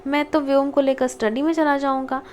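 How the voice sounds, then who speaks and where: A woman's voice: high voice, level tone, brisk, darkish tone, a little hiss or hum, natural voice. A woman reading the lines of a stubborn young husband and father who bickers sarcastically with his wife, in an audiobook. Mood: angry.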